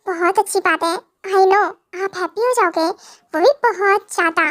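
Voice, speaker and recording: A woman's voice: extremely high pitch, moderate pace, a bit bright. A woman voicing a shy, flustered young wife in a fan audio drama, hesitant and scolding by turns.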